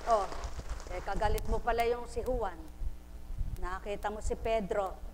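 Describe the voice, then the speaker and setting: A woman's voice: medium pitch, fairly even intonation, unhurried. A woman preaching a sermon, asking her congregation rhetorical questions and acting out everyday gossip to make her points. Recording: live stream with long hall reverb and faint noise.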